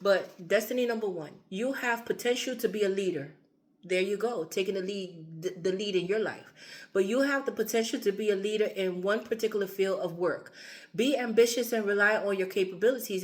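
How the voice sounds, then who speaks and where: A woman gives a loose, rambling tarot reading full of repetition, fillers, and asides. Her medium-pitched voice moves a little fast and sounds slightly strained as she begins losing it.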